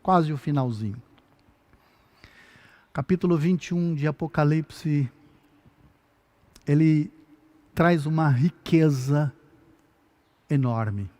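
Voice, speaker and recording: A man preaching a sermon, moving between soft, grave passages and loud, impassioned ones. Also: on the high side, slow pace, pauses often.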